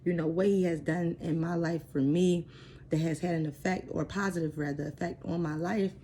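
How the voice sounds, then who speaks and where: Low, dark-voiced woman venting. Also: steady tone, moderate pace, a little hiss or hum. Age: 30s. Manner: blunt, frustrated, emphatic. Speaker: vlogger. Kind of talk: personal venting vlog.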